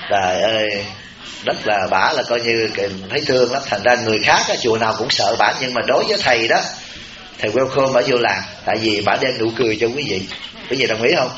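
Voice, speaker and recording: Storytelling Southern Vietnamese monk. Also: male voice, mid-range voice, fast. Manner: chatty storytelling, animated when quoting others. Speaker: Buddhist monk, abbot. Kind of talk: humorous dharma talk to a retreat audience. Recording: roomy, dull, noisy temple hall recording.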